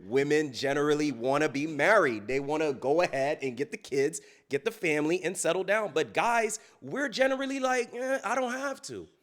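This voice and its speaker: Blunt man with a higher voice. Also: normal speed, few pauses, fairly bright tone. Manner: blunt, opinionated, street slang. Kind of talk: casual roundtable chat.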